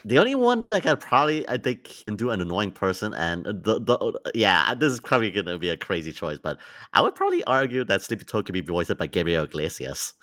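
A man's voice: fairly low pitch, huge pitch swings, a little fast, a bit bright. A man co-hosting a podcast in casual chat, a bit hesitant as he builds up to his opinions. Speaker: podcast co-host.

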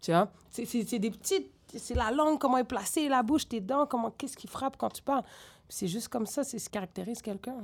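Woman rapper, raised in Senegal, French accent with Québécois traces, chatty and animated interview guest. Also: on the high side, a little fast. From grew up in Senegal. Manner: animated, digressive, many fillers. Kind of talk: candid interview conversation.

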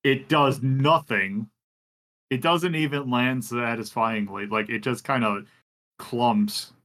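A man's voice: medium pitch, slow pace, fairly bright tone. A man running a tabletop game as game master, narrating with many fillers and restarts.

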